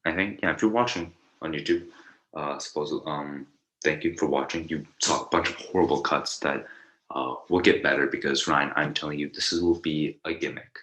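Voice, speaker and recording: A young man with an exceptionally deep voice hosts a casual podcast with a friend. He rambles, stumbles over restarts and leans on fillers as he talks. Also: normal speed, fairly bright tone, poor audio. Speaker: podcast co-host.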